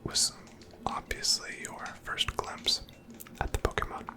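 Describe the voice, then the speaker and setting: Speaking only in an airy whisper with no full voice, an ASMR game streamer comments on play in a slow, reflective way, as if thinking aloud.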